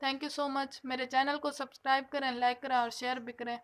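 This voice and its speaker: A woman teaching an English grammar lesson, explaining patiently and slowly stretching out the example words. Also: high voice, flat delivery, fairly bright tone.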